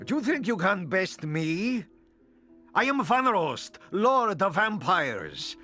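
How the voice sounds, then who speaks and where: An actor playing an ancient, boastful vampire lord in a video game, a weary immortal speaking with grandiose menace. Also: male voice, high-pitched, very animated, slow, bright, forceful tone, soft background music, exaggerated voice. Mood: menacing, boastful. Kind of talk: theatrical video game villain acting.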